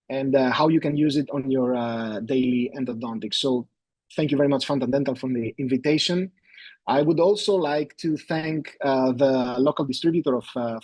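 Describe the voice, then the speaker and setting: A man's voice: mid-range voice, a little mellow, slightly rough, dry recording. A man, presenting a live webinar as an endodontist, hesitant and full of fillers and restarts. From Greece.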